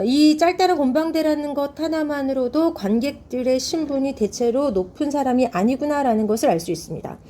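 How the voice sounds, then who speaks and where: A woman's voice: a little high, mellow. A woman teacher walking students through a text for an exam, asking rhetorical questions and reading quoted lines aloud. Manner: explains step by step, asks rhetorical questions, reads quoted lines in a raised voice. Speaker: high school Korean teacher. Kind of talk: exam prep lecture.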